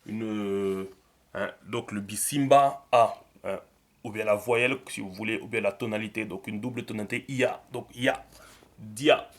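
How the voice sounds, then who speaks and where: Relaxed man teaching, lowish voice. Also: unhurried. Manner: relaxed, thinking aloud with many fillers. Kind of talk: screen tutorial.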